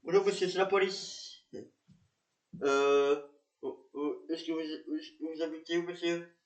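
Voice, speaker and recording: A man with a fairly high voice narrates and plays a police officer in an amateur reenactment. He speaks hesitantly, repeating himself and using many fillers. The room around him sounds echoey. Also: steady tone, unhurried.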